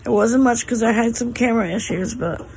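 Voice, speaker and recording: A woman's voice: fairly quick, gravelly, darkish tone. A woman with a Southern US accent chatting casually to viewers as a family vlogger, in a drawling, folksy, encouraging way. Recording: noisy handheld recording with vehicle rumble.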